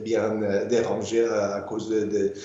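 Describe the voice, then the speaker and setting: A man's voice: fairly low pitch, flat delivery, measured pace, dark tone, slight background noise. Hesitant older man, echoey muffled room. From Iran. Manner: hesitant, many fillers and repeated words. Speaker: guest artist. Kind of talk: interview conversation.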